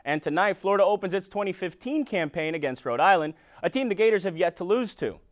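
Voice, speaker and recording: High-pitched young man anchoring sports news. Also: animated, fast talker. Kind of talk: scripted local TV news sports report.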